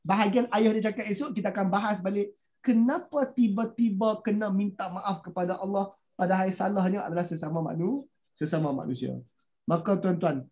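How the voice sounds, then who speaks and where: A man with a Malaysian Malay accent teaching an online Quran study class over a video call, telling the story in a lively way and acting out the dialogue. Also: high voice, lo-fi sound. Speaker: religious teacher.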